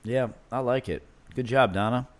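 A man's voice: medium pitch, moderate pace. A man hosting a casual podcast, chatting loosely while tasting beers, with lots of "you know" and "like". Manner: relaxed, rambling, with many fillers like "you know". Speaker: podcast host.

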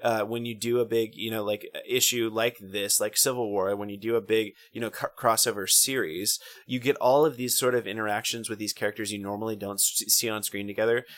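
A man chatting casually on a podcast about a film, excitable and rambling, with lots of restarts and fillers. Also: lowish voice, brisk, few pauses. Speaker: podcast host. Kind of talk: casual movie chat.

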